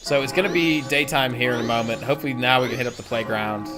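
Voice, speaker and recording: A man's voice: mid-range voice, fairly even intonation, fast talker. A man giving casual, rambling and self-deprecating commentary while streaming a game. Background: game music.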